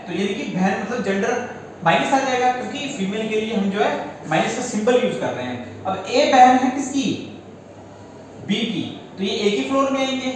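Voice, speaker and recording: There's a slight hiss or hum as a high-pitched male teacher of reasoning guides students through an exam-prep lesson one step at a time, pausing to check in. His Hindi is sprinkled with English terms in an Indian accent, captured by a distant mic in a heavily echoing room.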